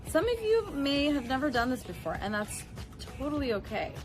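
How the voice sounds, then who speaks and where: Woman calmly guiding a gratitude exercise. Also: sits high, over music. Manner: calm, encouraging instruction with slow breathing cues. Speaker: wellness instructor. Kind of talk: guided gratitude practice.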